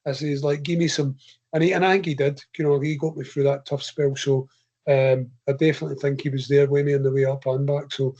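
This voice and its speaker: A man's voice: medium pitch, little pitch movement, fairly quick, mellow, dull audio. A man with a Scottish accent, a podcast guest, telling long rambling anecdotes in a casual interview. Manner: long rambling anecdotes told in his own voice. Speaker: guest ultra runner.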